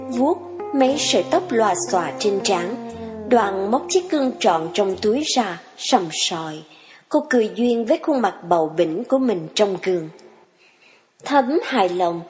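A woman narrating a story in a measured storytelling manner. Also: medium pitch, a little mellow, in a large hall.

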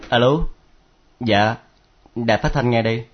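A man's voice: mid-range voice, steady tone, measured pace, faint music behind, close to an everyday voice. A man playing a deferential radio station staffer who answers hesitantly. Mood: polite. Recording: dull lo-fi recording.

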